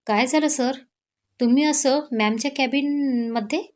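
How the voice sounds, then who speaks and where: A woman's voice: high-pitched, unhurried. A woman voicing a polite, deferential office secretary in an audio story.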